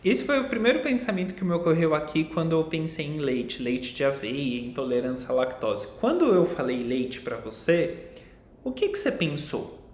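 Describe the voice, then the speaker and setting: A man's voice: very animated, normal speed, a little mellow. A young man with a Brazilian accent, a psychologist giving an online lecture, explaining and asking viewers questions directly. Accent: Brazilian Portuguese. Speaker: psychologist teaching a course. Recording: echoey room with faint rumble.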